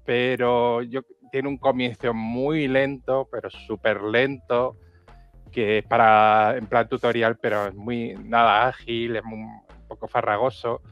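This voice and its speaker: A man's voice: mid-range voice, level tone, a little slow, fairly bright tone, no room sound, faint music behind. A man co-hosting a casual gaming podcast over a lo-fi headset mic on a remote call, rambling as he searches aloud for names. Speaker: podcast co-host. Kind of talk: casual chat about video games.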